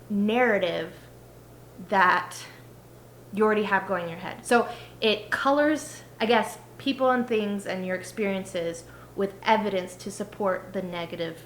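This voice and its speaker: A woman's voice: mid-range voice, a little slow. A woman, a children's book author, talking casually in a podcast interview, rambling with many fillers. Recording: roomy, with faint noise.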